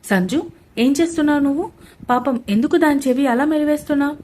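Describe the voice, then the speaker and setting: A woman's voice: mid-range voice, big pitch swings, normal speed, a little mellow, slight background noise, lightly acted. A woman voicing a middle-aged mother-in-law who scolds in a fond, affectionate way. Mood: scolding.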